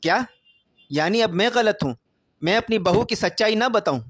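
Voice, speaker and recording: A man's voice: high-pitched, animated, no room sound, clean studio sound. A man doing a jealous older mother-in-law. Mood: angry. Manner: taunting, sarcastic.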